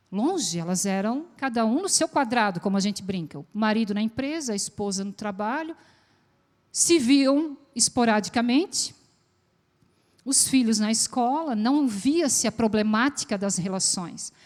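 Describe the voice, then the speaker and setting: A Brazilian woman speaks to a congregation with a southern accent and a fairly high voice. She keeps the talk lively by asking questions of her listeners. Her voice rings with the long echo of a large church hall. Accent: Brazilian Portuguese, southern. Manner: lively, asks the audience questions.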